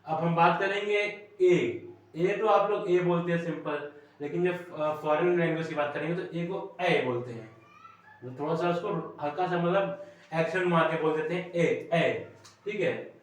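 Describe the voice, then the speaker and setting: A man's voice: fairly high pitch, normal speed. A man from India teaching a class, explaining step by step and often checking "okay?" with his students. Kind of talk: classroom lesson. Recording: very echoey room, voice from a distance.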